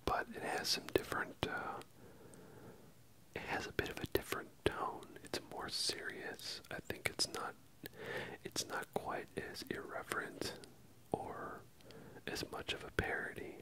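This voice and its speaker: Someone whispering softly and closely from ear to ear, giving a casual ASMR film review with hesitant pauses. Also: poor audio. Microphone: close stereo microphone, ear-to-ear panning.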